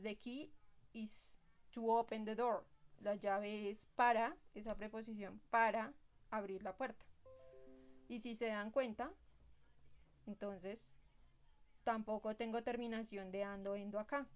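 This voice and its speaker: A woman's voice: medium pitch, smooth. A woman English teacher, explaining a grammar lesson to her class and often checking that students follow along. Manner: explains patiently, keeps checking with "¿Listos?"; reads English examples slowly and carefully. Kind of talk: recorded online class explanation.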